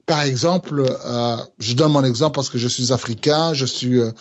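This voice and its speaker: A man's voice: mid-range voice, normal speed, dull audio. A Congolese man with a Congolese French accent, a pastor giving earnest teaching on engagement, hesitating often with fillers and restarts.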